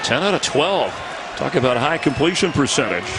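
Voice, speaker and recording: A man's voice: mid-range voice, big pitch swings, moderate pace, a loud crowd. A man giving live American football commentary as a broadcast announcer. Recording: very noisy broadcast clip.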